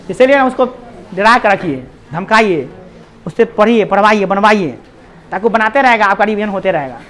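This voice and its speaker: A man's voice: high voice, expressive, normal speed, a bit bright, slight background noise. A man teaching a maths class with a Bihari Hindi accent, talking with his students in a chatty, teasing way and cracking jokes between steps. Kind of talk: classroom lesson.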